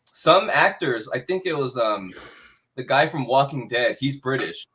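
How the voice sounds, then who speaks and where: A man's voice: medium pitch, lively intonation, a little slow, bright, forceful tone, slightly rough. A young man on a livestream panel, talking in a laid-back way with loose slang. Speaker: panel guest. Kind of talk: casual chat.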